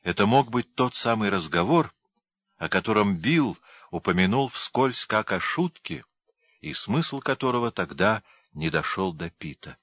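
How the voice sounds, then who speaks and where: A man narrating an audiobook in a calm, measured storytelling manner. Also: lowish voice, breathy edge, dry recording.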